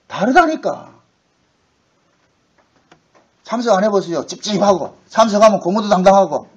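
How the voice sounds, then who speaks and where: High-voiced preaching pastor, a man. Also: animated, a little fast, slightly rough, muffled recording. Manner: colloquial preaching that acts out quoted voices, swinging from shouts to hushed asides. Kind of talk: sermon. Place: church sanctuary.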